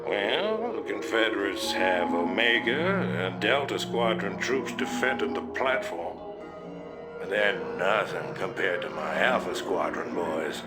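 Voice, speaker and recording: A man's voice: low voice, animated, a little slow, over loud music. A man playing a boastful military general in a game, brash, pompous and disdainful. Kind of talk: dramatic game acting.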